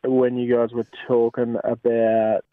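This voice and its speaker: A man's voice: medium pitch, monotone, measured pace, no room sound. An Australian man leaving a casual, ranting voice message in a blokey, sweary manner like an Aussie tradesman. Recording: dull lo-fi voice message.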